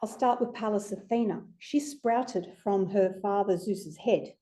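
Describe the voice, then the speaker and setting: Aussie lady giving a casual talk to a group, super mellow dark tone, chatty and a bit cheeky. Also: mid-range voice, measured pace. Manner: chatty and conversational, with playful asides. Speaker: astrology speaker presenting to a group. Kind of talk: informal lecture.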